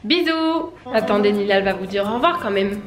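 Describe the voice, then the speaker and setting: A woman's voice: medium pitch, animated, a little fast, soft background music. A young woman chatting casually to camera at home in a family vlog, rambling and breezy with lots of fillers. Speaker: family vlogger. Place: at home, indoors.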